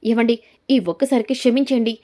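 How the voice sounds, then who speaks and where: Old grandmother, protective, scolding, put on by a woman, fairly high voice. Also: little pitch movement, a little fast, warm tone, natural voice.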